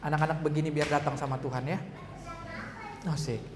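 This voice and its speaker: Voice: medium pitch, steady tone, a little fast, background noise. A youth fellowship preacher giving a direct, urgent, conversational sermon in a church hall.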